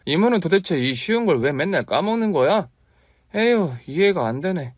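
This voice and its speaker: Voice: mid-range voice, very animated, moderate pace, no room sound, pitched above the performer's own voice, close to an everyday voice. A woman puts on a fussy little boy from a read-aloud story, nagging in a lifted, matter-of-fact voice. The recording is close and dry, with no room sound. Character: young boy, tidy and naggy.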